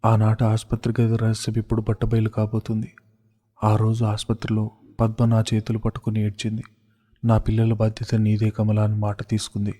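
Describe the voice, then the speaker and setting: A man narrating a scripted family audio story in a flat, solemn way. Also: fairly low pitch, in a large hall.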